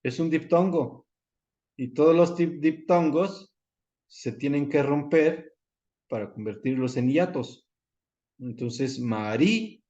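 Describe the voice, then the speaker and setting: A man's voice: on the high side, takes it slowly, dark tone, highs cut off. A man, lecturing a university class over a video call and repeating the key points. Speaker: university professor.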